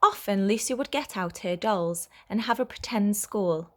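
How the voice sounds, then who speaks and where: Reading aloud to young listeners the way a teacher would, a woman tells a children's story clearly and expressively. Her pitch is medium and her speed normal.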